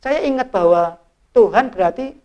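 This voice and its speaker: A middle-aged evangelist and ministry leader retells a Bible parable during a discussion, drawing lessons from it in sermon-style storytelling. His voice is high and his pace moderate, and he's an animated, informal narrator who restarts sentences and uses fillers.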